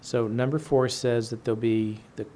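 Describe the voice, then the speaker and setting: A man's voice: mid-range voice, steady tone, moderate pace, warm tone. A man in the role of finance official, explaining things plainly and step by step in a meeting. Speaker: finance official presenting to a board. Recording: faint background noise in a meeting.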